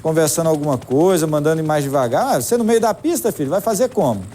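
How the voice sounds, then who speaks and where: A man's voice: on the high side, lively intonation, fast talker, warm tone, a little hiss or hum. A man with a Brazilian accent anchoring a live news show, chatting with the reporter and commenting on the footage. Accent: Brazilian Portuguese.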